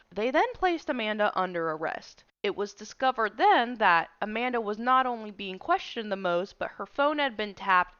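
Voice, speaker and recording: A woman's voice: mid-range voice, fairly bright tone, clean tone, dry recording, highs cut off. A woman hosting a true crime podcast, telling the case in a casual storytelling way. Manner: casual storytelling, reads case details evenly. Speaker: podcast host.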